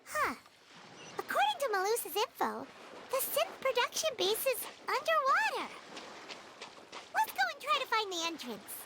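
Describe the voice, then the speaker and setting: Squeaky tiny fairy sidekick. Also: female voice, huge pitch swings, unhurried, pauses often, heavily acted. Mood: eager, matter-of-fact. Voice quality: squeaky, childlike. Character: small childlike female fairy companion, eager, helpful. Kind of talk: video game voice acting. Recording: music behind the voice.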